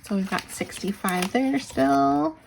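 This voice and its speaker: A woman hosting a budgeting vlog, counting bills aloud and thinking out loud while losing her voice. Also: high-pitched, expressive, takes it slowly, gravelly, noisy background. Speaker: budgeting channel host. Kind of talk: casual counting-along vlog.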